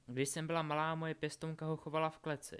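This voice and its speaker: A man's voice: a little high, level tone, fairly bright tone, clean tone, pitched above the performer's own voice, lightly acted. A man reading an audiobook, voicing a cunning, cold young witch in a raised voice. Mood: ominous. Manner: sly, triumphant, menacing. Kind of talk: audiobook character voice.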